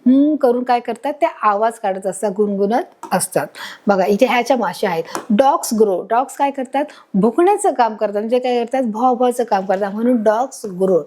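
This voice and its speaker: A woman with a Marathi accent teaches young pupils in a slightly high voice. She keeps posing simple questions and answering them herself, in a patient classroom rhythm. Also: a little fast, mellow. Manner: asks and answers her own questions. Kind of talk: classroom explanation to children.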